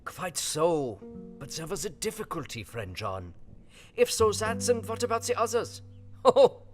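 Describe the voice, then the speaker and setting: An actor playing a philosophical, grieving older foreign professor in an audio drama, speaking dramatically in broken English. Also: male voice, high voice, big pitch swings, a little slow. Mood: wry. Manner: broken non-native English syntax, dramatic sighing delivery. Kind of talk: theatrical audio drama acting. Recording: music behind the voice.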